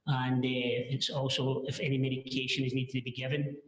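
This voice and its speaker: A man gives testimony as a paramedic in a courtroom recording. He speaks plainly and haltingly at a mid pitch, pausing to find his words. The sound carries the echo of a large courtroom. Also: little pitch movement. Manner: halting, hesitant, plain-spoken.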